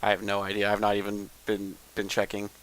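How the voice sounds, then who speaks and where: A man's voice: fairly low pitch, completely flat delivery, brisk, a bit bright, no echo. A man running a tabletop game, chatting casually with his players after the session, easygoing and self-deprecating with many fillers. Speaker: game master. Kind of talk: casual post-game chat.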